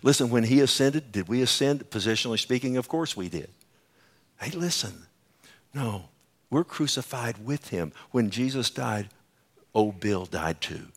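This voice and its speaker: Preaching into a pulpit mic in church, a male pastor delivers an emphatic sermon and poses questions to his congregation. His voice is mid-range, with lively intonation and a moderate pace.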